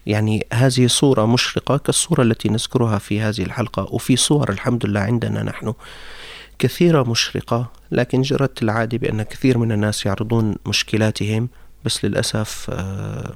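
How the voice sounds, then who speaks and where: Guy running a radio call-in, low gravelly voice, talks quick and calm. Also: no room sound. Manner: calm advising, mixes formal and colloquial Arabic. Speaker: radio show host taking calls.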